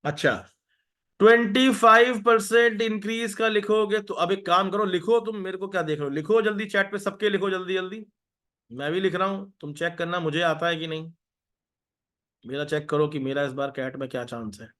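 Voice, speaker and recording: Coaxing Indian math teacher, higher voice. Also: male voice, steady tone, moderate pace, sharp tone. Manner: coaxing, repeats instructions to students. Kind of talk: live online math class.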